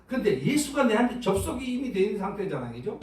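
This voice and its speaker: A man's voice: high voice, very animated, fast. A man preaching a sermon as pastor, talking conversationally and asking the congregation questions. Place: church sanctuary. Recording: roomy church sound from a distance.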